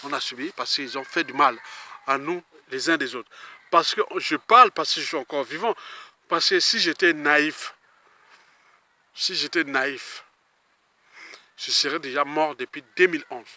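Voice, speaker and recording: A middle-aged man giving an impassioned political monologue, rambling and heated, his voice jumping up when angry and trailing off low. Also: unhurried, long pauses, sharp tone. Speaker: political activist.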